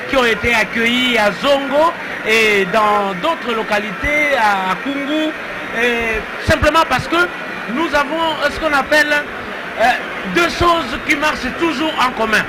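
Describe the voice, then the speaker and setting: A man with a Congolese accent giving explanatory, somewhat halting live analysis as a football co-commentator. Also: extremely high pitch. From Democratic Republic of the Congo. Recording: noisy stadium broadcast. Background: stadium noise.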